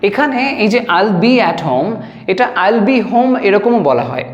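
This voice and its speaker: A man teaching a spoken English lesson, patiently explaining and repeating phrases slowly word by word. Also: high-pitched, very animated, lo-fi sound. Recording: echoey room with long reverb.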